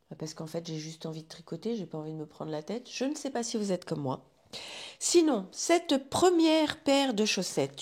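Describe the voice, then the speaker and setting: A woman's voice: mid-range voice, darkish tone. A woman talking casually to her viewers about knitting, chatty and rambling, with frequent restarts. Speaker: knitting vlogger.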